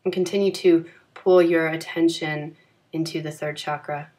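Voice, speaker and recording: Calm and gentle, a woman with a low voice leads a guided yoga nidra meditation, her unhurried phrasing meant to soothe.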